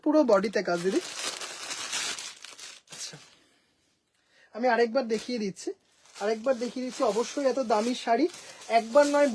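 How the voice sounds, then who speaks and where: A fairly high-voiced woman with a Bengali accent runs an enthusiastic saree sales showcase from her home boutique, slipping English phrases into her talk. Faint room noise sits behind her. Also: darkish tone, poor audio. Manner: enthusiastic, mixes English phrases, addresses viewers as sisters.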